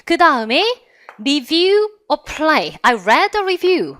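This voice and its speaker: A woman's voice: high-pitched, big pitch swings, very slow, a bit bright. A woman with a Korean accent teaching in an online English test lecture, asking her students to repeat phrases after her.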